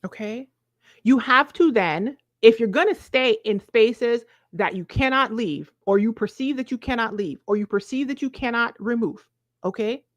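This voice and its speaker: A woman's voice: a little high, expressive, moderate pace, no echo. A woman in her forties with a Virgin Islands accent, giving an emphatic, conversational motivational talk to viewers, often checking in with short questions. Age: 40s. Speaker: self-help coach.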